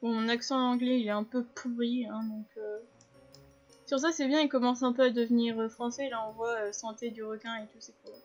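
A woman's voice: a little high, steady tone, a little fast, darkish tone, muffled recording. A woman giving casual gameplay commentary, chatting to viewers and explaining the controls as she plays. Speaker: gaming video host. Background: faint game music.

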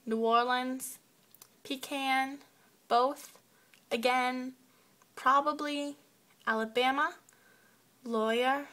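A teenage girl talks through a casual word list. Her voice sits a little high, and she takes her time, saying each word on its own. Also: a bit bright. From United States. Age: teens. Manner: unhurried, reads words one by one. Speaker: video blogger.

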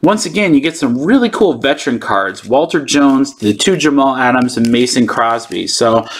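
A man's voice: medium pitch, expressive, normal speed. A man hosting a sports card channel, giving casual, informal unboxing commentary as he thinks aloud.

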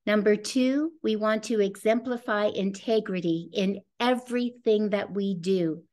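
Her voice is medium-pitched and a little mellow, her pace measured: a woman in her 60s presenting a business opportunity over a video call webcam. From a home room with a scenic backdrop, she speaks earnestly and enthusiastically, offering a personal testimonial.

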